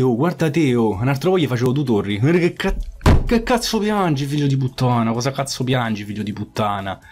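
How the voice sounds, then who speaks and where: A man's voice: medium pitch, darkish tone. A man commenting on his own mobile game match, swearing often and repeating phrases in frustration. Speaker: gaming YouTuber. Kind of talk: live gameplay commentary.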